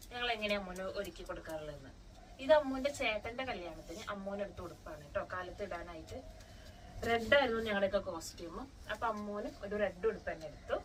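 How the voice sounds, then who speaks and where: A woman's voice: mid-range voice, lively intonation, quick pace, a little hiss or hum, rough recording. A woman filming a casual home vlog, coaxing and playfully scolding her pet while she dresses it indoors. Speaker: pet vlogger.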